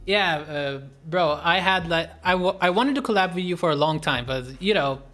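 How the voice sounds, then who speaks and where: A man from Pakistan, chatting on a livestream in a hesitant, halting way with lots of fillers. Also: fairly high pitch, a bit bright, soft background music. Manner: hesitant, halting with many fillers and quick laughs. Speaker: streamer hosting a collab. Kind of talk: casual chat on a livestream. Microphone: podcast dynamic microphone.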